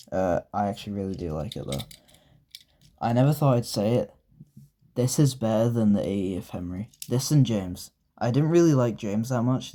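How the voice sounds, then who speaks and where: A man's voice: lowish voice, dark tone. A young man, casually reviewing toy trains, rambling and gushing with lots of fillers and restarts. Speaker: toy collector reviewing die-cast trains.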